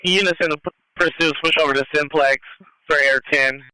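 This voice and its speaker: A man's voice: on the high side, fairly even intonation, brisk, bright, forceful tone, clean tone, no echo, poor audio. A man giving terse, urgent police dispatch calls heard over a scanner radio transmission. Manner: clipped, urgent call-and-response.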